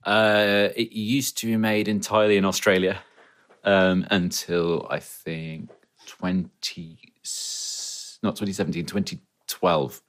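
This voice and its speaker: A man's voice: deep voice, level tone, slow. A man on a comedy panel, explaining at length and giggling mid-sentence. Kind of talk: casual comedy chat.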